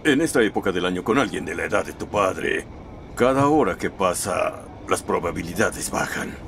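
Casting: blunt older cop, low lively gravelly voice, film drama. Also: male voice, moderate pace. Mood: measured. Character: older male police officer, measured and blunt. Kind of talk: dubbed film drama acting. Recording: film scene with noisy outdoor ambience.

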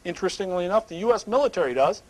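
A man's voice: high-pitched, racing, low-quality recording. Emphatic middle-aged man at a seminar. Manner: emphatic, animated gestures, drops to hushed asides. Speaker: seminar speaker. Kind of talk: live seminar talk. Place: small curtained stage room, indoors.

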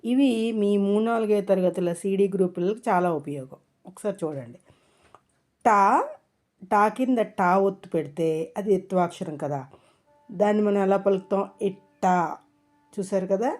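A woman teacher giving a children's spelling lesson, reading syllables and word lists slowly and deliberately. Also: medium pitch, darkish tone.

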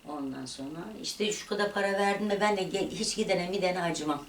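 Low-voiced woman telling a story in a roomy echo. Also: brisk. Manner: animated retelling of a quarrel, voices rising and dropping. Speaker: vlogger. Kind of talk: casual storytelling. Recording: echoey room, voice from a distance, faint noise.

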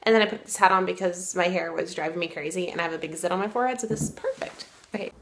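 Bright-voiced chatty young woman vlogging. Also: fairly low pitch, gravelly, slight background noise. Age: young adult. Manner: chatty, upbeat, quick asides to camera. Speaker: beauty vlogger. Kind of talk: casual vlog chat.

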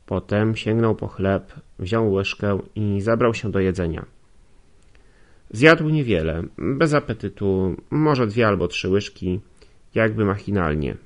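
Male audiobook narrator, lowish voice, steady read with small self-corrections. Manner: steady reading with occasional slips and self-corrections. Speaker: audiobook reader.

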